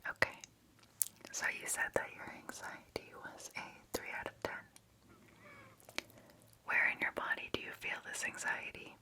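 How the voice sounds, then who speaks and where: A woman in her twenties whispers softly and without hurry, soothing like a therapist in an ASMR roleplay. She's an ASMR performer close to a microphone just off camera, in a small, cozy indoor room.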